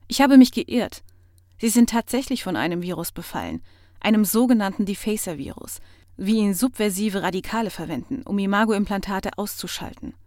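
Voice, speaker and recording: A woman voicing a calm professional doctor who speaks formally and matter-of-factly, in an audiobook. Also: medium pitch, no echo, clean studio sound, natural voice.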